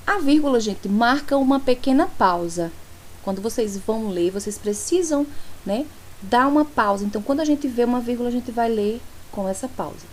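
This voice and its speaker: Friendly teacher woman, high voice. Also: expressive, normal speed, a little mellow, a little hiss or hum, poor audio. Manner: friendly, frequent checks like "tá certo?". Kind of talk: online grammar lesson.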